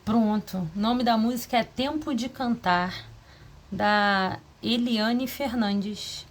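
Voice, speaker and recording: Woman vlogger, somewhat high voice, confessional diary chat with rambling asides. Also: slow. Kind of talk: casual diary vlog.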